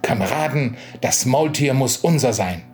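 A man voicing sly male highway rogues who talk in a mocking, wheedling way. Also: animated, normal speed, a little mellow, soft background music, natural voice. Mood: scheming.

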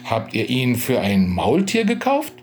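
A man voicing sly male highway rogues who talk in a mocking, wheedling way. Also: huge pitch swings, unhurried, soft background music.

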